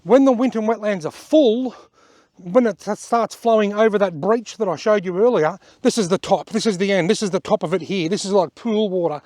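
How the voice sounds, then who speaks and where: An outdoor vlogger with an Australian accent and a fairly high voice, slightly hoarse from a bug, gives a brisk walking tour of wetlands by a creek and car park. He's chatty, relaxed and plain-spoken, pointing things out as he goes, and the recording is dry and close with no room sound.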